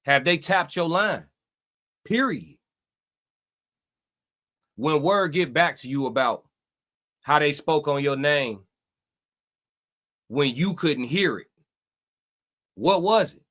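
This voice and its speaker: A man's voice: on the high side, expressive, slow, long pauses, a bit bright. A man hosting a live reaction stream, talking to his chat and giving emphatic life advice. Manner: preachy, emphatic, talks to chat.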